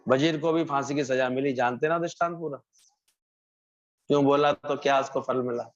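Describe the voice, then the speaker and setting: Speaking at a moderate pace in a medium-pitched voice with fairly even intonation, a male satsang preacher tells a parable as part of a devotional sermon. He voices the characters and repeats phrases to stress them. The recording sounds muffled and lo-fi.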